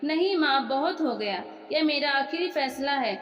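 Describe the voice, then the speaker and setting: A woman's voice: high voice, animated, a little slow, dull audio. A woman voicing an indignant, proud young wife. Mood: angry. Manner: sharp, indignant. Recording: echoey room with long reverb.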